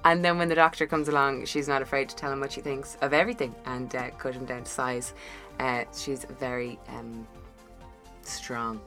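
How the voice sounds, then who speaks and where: A woman's voice: extremely low pitch, level tone, normal speed, a bit bright, soft background music. A woman guesting on a casual studio interview, easygoing and giggly. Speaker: actor guest. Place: recording studio.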